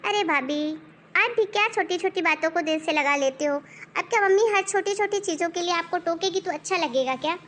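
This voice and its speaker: A woman voicing a sensible young college girl who calmly reasons with her sister-in-law. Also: extremely high pitch, brisk. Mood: coaxing. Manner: reasoning, coaxing.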